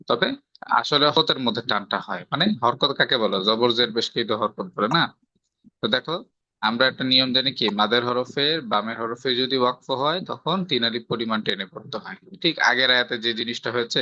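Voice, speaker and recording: Male Bangladeshi recitation teacher, very bright tone, patient step-by-step explainer who quizzes the student; dry, slightly muffled recording. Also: medium pitch, dry recording. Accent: Bangladeshi Bengali. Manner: explains step by step, checks for understanding with rhetorical questions. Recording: slightly dull, dry lo-fi sound.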